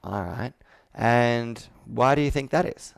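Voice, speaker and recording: Speaking slowly at medium pitch with vocal fry, a thirtysomething man runs a sales roleplay coaching session on a video call. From a room with a whiteboard, he probes with questions and echoes the responses he gets.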